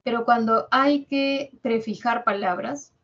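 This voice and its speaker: A woman from Peru with a Peruvian Spanish accent, a language teacher giving a classroom lecture and slowly sounding out example words syllable by syllable. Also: on the high side, fairly bright tone, lo-fi sound. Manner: explains patiently, drawing out example words syllable by syllable.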